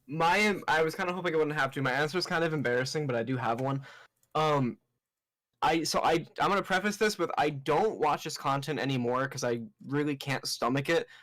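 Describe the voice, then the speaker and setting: A man's voice: fairly high pitch, brisk, fairly bright tone, dry recording. A young man, a podcast guest, talking earnestly and at length in casual chat. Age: young adult. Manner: earnest, explains at length with restarts.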